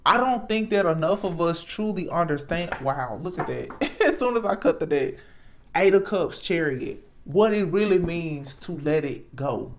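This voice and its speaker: A tarot reader speaks in a casual, reflective way at a middling pitch. The delivery is earnest and emphatic, with halting phrases and repeated words as thoughts get worked out aloud. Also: expressive, slight background noise. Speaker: tarot reader, channel host.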